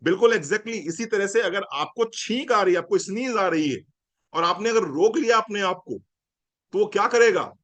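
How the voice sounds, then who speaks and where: A man's voice: high voice, expressive, moderate pace, fairly bright tone. A man with an Indian accent, a doctor giving a humorous, conversational health lecture and often asking his listeners questions. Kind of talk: lively health lecture to an audience.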